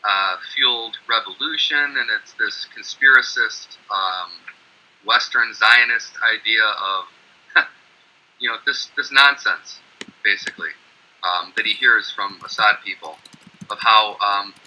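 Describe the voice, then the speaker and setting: A man's voice: fairly low pitch, a little slow, bright, forceful tone, highs cut off. A man speaking emphatically in an online panel discussion, brushing off opposing claims.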